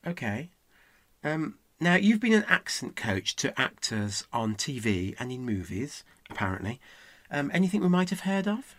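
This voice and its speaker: Woman interviewer, dry sarcastic delivery, lively intonation, dry close sound. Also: a bass voice, normal speed, no room sound. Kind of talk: comedy sketch interview.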